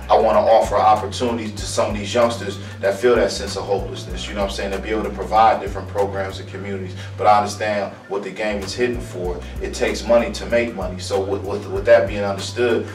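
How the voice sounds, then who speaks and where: A man in his thirties from Akron, Ohio, a barber answering interview questions in a calm, earnest way, often repeating words as he searches for them. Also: lowish voice. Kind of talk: casual interview. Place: small room indoors. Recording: roomy, distant mic, faint music.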